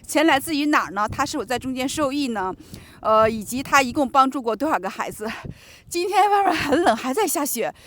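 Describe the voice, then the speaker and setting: Walking through snow toward a home, a channel host chats to a handheld camera before switching to interview questions. Her voice sits high and sounds animated, brisk and a little bright.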